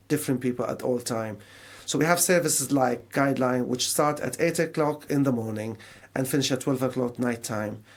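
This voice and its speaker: Appearing as a guest on the radio, a Syrian man who manages services for a mental health charity talks conversationally, acting out imagined quotes to make his points. His medium-pitched voice is a little mellow and carries a Syrian Arabic accent.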